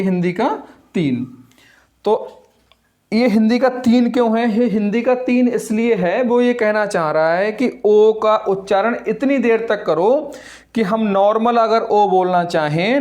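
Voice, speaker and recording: A man's voice: high-pitched, a little mellow. A young man teaching a Hindi grammar lesson, who asks the class questions, answers them himself and stretches out the vowels as he names them. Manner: draws vowels out slowly when naming them. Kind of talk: classroom lecture.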